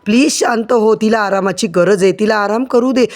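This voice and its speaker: A man's voice: high-pitched, moderate pace, a little mellow, natural voice. A man voicing a young son who pleads with his mother in a retold serial story, in an exasperated, pleading way.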